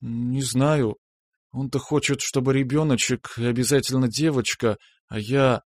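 A man's voice: mid-range voice, fairly even intonation, measured pace, natural voice. A man voicing a fussy, coy young woman who scolds and fusses. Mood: flustered.

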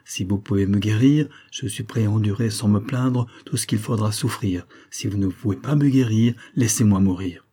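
A man's voice: lowish voice, moderate pace, few pauses, mellow, breathy edge. A man reading the lines of a desperate wounded young officer who pleads stubbornly in a raised voice.

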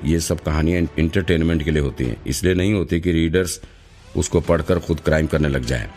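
A man doing a panicked jailed writer. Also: rumbling low. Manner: shouting, trembling voice.

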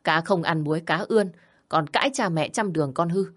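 A woman's voice: on the low side, fairly quick, natural voice. A woman voicing a stern middle-aged mother who scolds and pleads with her daughter. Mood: scolding.

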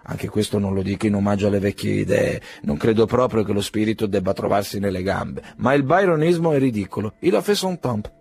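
A man's voice: fairly low pitch, brisk, creaky, hardly any pauses, a little mellow, husky. A man voicing a self-satisfied official in his forties, genial and condescending, in an audiobook reading. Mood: patronizing. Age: 40s. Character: self-satisfied middle-aged male official, patronizing.

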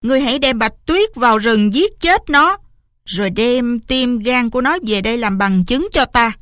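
A woman voicing a vain, jealous queen who shouts in haughty rage in a storybook reading. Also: fairly high pitch, animated, normal speed. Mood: commanding. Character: vain, jealous adult queen, furious and proud.

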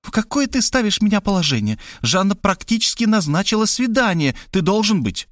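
A man's voice: high-pitched, sing-song, a little fast, a bit bright, no room sound, studio quality, pitched above the performer's own voice. A man doing a nagging pushy old mother. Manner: scolding, insistent, dramatic. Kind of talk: audiobook character voice.

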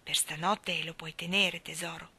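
Woman doing an excitable little girl. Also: sits low, normal speed, husky, heavily acted. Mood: tender. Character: young girl, excitable and tender.

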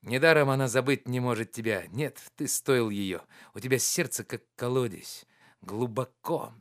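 A man playing a composed, kindly friend who talks lower and evenly, with a gently teasing tone. He sounds grounded and practical, in the manner of a classic audiobook character. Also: moderate pace, close to an everyday voice. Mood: reassuring. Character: steady, kind male friend, calm and practical.

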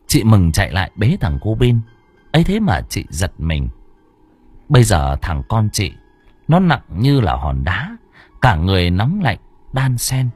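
Man, audiobook narrator, wildly swooping intonation, low husky voice, dry close sound. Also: no room sound. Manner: expressive, dramatic. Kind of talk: dramatic storytelling.

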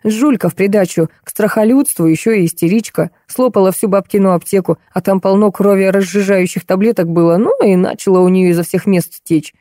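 A woman voicing a gruff, scornful middle-aged hospital nurse who rants bluntly and with contempt. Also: medium pitch, fairly even intonation, brisk, few pauses, warm tone, no room sound, clean studio sound, lightly acted.

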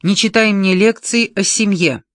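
A reader voicing a furious sharp-tongued woman. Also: mid-range voice, fairly even intonation, very slow, no echo, studio quality. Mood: angry. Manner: raised, biting, accusing. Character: angry grown woman, sharp-tongued sister.

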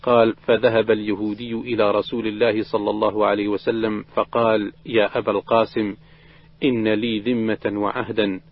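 A man with a low voice reads an old religious text aloud at an even, measured pace. His recitation carries the quoted exchanges without acting them out. The recording sounds dull and muffled. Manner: steady measured reading, quoted dialogue read without acting. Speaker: reader of a hadith collection.

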